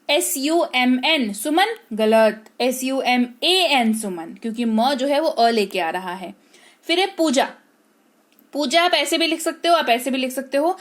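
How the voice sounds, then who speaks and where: A woman teaching English spelling, speaking patiently, repeating words slowly and checking that her students follow. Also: sits high. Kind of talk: explaining spelling to learners.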